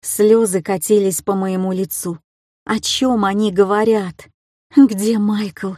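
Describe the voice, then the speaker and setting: A woman's voice: mid-range voice, flat delivery, slow, dark tone, no echo, studio quality. A woman narrating a story in the first person with a tense, emotional reading. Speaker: audiobook narrator.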